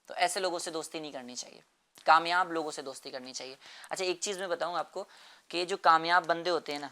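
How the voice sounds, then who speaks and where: A man's voice: on the high side, bright, forceful tone. A man explaining a moral lesson to children in an earnest way, repeating phrases and often checking with "right?".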